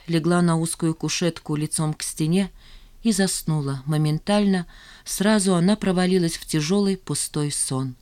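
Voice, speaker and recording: An audiobook reader narrating a novel in a steady storytelling voice. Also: mid-range voice, smooth.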